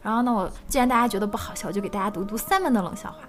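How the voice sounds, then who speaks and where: A woman co-hosting a live chat stream, casual, giggly and animated. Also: medium pitch, rapid-fire, faint music behind.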